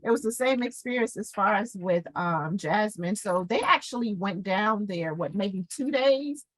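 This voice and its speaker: A middle-aged woman co-hosting a casual podcast chat, animated and playful, acting out quotes in lively voices. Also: medium pitch, a little slow, dry recording, rough recording. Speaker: podcast co-host.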